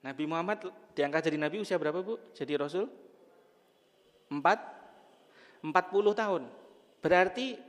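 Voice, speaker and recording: A man's voice: on the high side, normal speed, pauses often, long reverb tail. A man preaching to a women's study group in a mosque, telling stories with humor and asking the audience questions. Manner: humorous storytelling, jokes with audience.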